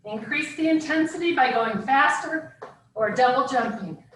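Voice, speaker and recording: High, bright woman coaching a workout, very echoey. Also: normal speed. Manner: short imperative cues, encouraging. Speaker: fitness instructor leading a workout class. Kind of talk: live group workout coaching, cueing and counting down. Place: indoors, live video call class. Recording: echoey room, far from mic, faint noise.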